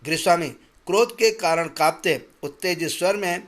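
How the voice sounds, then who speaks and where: A man's voice: sits high, moderate pace, a bit bright. Man reading a school story aloud. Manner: adds short explanations of hard words. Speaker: teacher reading a textbook story.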